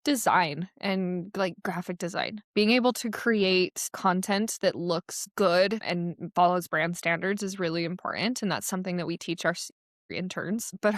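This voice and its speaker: A woman's voice: on the low side, no echo. Chatty young woman, dry close sound. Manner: chatty, laughs often. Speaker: guest, associate director of athletics marketing. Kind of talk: casual podcast interview.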